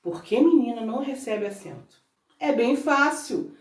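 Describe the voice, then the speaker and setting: A Brazilian woman, her accent Brazilian Portuguese, teaches kids grammar at a classroom board in a recorded lesson. Her voice is fairly high and animated, a touch slow, and she coaxes the children while sounding words out one syllable at a time. The microphone is distant, giving a roomy sound.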